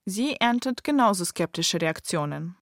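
A woman narrating a documentary she wrote, measured and reflective. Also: lowish voice, animated, dry recording, studio quality.

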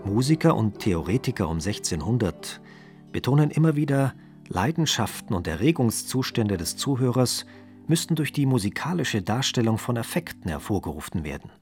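A man's voice: mid-range voice, sing-song, moderate pace, a little mellow, faint music behind. A man reading quotations aloud in a radio documentary, with an emphatic delivery. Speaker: voice-over reader of quotations.

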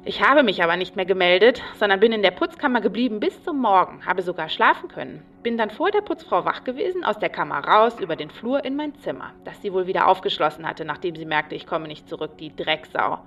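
A paranoid psych ward patient, rambly and obsessive, radio play, bit far from the mic. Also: female voice, medium pitch, big pitch swings, brisk, hardly any pauses, fairly bright tone, lo-fi sound. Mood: fearful.

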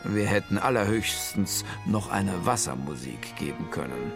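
A man voicing an old male owl who tells his own adventure in a playful, lively children's audiobook style. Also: low voice, unhurried, gravelly, exaggerated voice. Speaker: first-person storyteller. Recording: music playing under the voice. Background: music.

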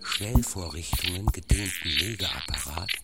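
A low-voiced man reads scripted scientific narration at an unhurried pace, factual and lecturing like a documentary text. Loud electronic music with insect-like chirping plays behind his voice.

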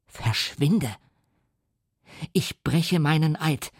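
A male audiobook reader playing a resolute young scientist who speaks forcefully and indignantly. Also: fairly high pitch, extremely slow, slightly rough, no echo, studio quality, voice pushed up, heavily acted. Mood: defiant. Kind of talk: audiobook reading.

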